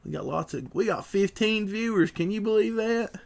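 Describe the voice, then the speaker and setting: A man's voice: high voice, normal speed, gravelly, a little mellow. A man hosting a casual livestream, reading out viewer messages in a laid-back way. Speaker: livestream host reading chat. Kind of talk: casual joking chat.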